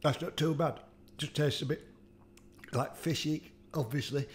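A man, his voice sitting a touch higher than most men's, hosts a comedic food-tasting vlog. He swears freely, groans and complains with theatrical disgust, and plays up every bite for laughs. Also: steady tone, measured pace, slight background noise. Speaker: food challenge host.

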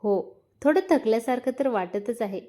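A woman's voice: on the high side, normal speed, warm tone, lightly acted. A woman voicing a shy, nervous young wife who speaks timidly in a read-aloud story. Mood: soft. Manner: timid and hesitant.

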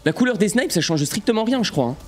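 A young man giving excitable gameplay commentary to his viewers, breaking into sudden frustrated outbursts. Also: sits high, fast, soft background music. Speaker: gaming streamer.

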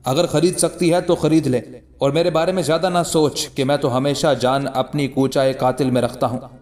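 In a read-aloud historical story, a man voices a calm ascetic holy man who mocks with measured scorn and a defiant mood. His voice is a little high and close to how he'd normally speak.

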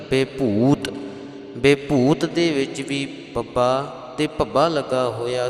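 A man teaching correct scripture pronunciation, chanting verses slowly and then explaining them in quick spoken asides. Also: mid-range voice, roomy sound, big-room sound. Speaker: Sikh scripture recitation teacher.

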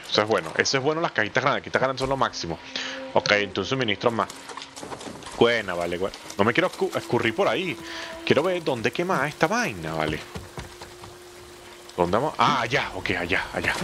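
A man giving slangy, animated let's play commentary and talking back to the game's characters. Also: lowish voice, fairly quick, long pauses, background noise. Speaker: gameplay streamer. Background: game music.

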